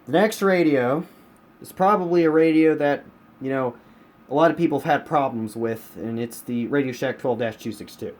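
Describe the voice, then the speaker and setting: This mid-range, slightly mellow voice belongs to a US radio collector walking through his collection at a moderate pace. He talks off the cuff and repeats points to stress them. Recorded in a home room on a handheld camera he holds from behind, the audio carries clear room noise.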